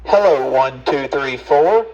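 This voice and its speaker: A man's voice: medium pitch, slow pace. Man doing a radio check over a CB speaker. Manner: steady, plain counting in short bursts. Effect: heard over a CB radio speaker. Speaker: radio shop owner. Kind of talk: radio check, counting for an audio test. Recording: dull, lo-fi radio speaker sound.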